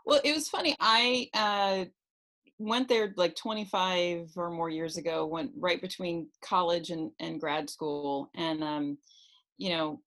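Woman, forties, from new york, fairly low voice, rambling and reflective, casual chat. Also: steady tone, measured pace, a bit bright. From New York City. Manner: rambling, reflective, many fillers.

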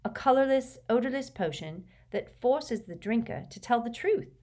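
An eager teenage schoolgirl, voiced by a woman reading aloud, crisp and precise, reciting her answer with complete confidence. She sounds a little higher than the narration. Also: animated, normal speed, mellow.

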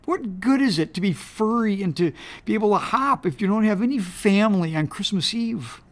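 A tearful little boy bunny, as a woman reads him out, with a raised, small-sounding voice and a slow, pleading way of speaking. The storybook figure sounds fragile and lonely. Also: medium pitch, very animated, voice pushed up. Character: small sad young male bunny.

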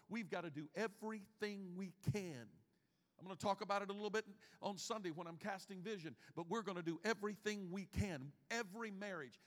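In a church sanctuary, a pastor in his fifties preaches a sermon in a notably high voice. His volume swings widely, from a near hush up to emphatic bursts of shouting, and a long reverb tail from the hall follows his words.

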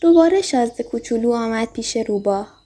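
High, husky woman narrating a story. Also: expressive, dark tone. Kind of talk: storybook reading.

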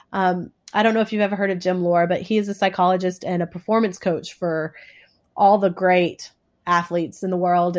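A woman with a stuffy, congested nose talks conversationally as an interview guest, explaining things in a halting way. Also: mid-range voice. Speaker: interview guest, author and coach.

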